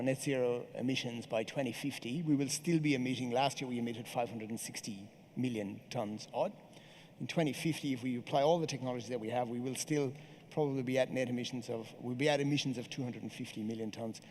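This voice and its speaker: A man's voice: mid-range voice, darkish tone. Irish man speaking on a panel. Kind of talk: panel discussion. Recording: reverberant hall with faint noise.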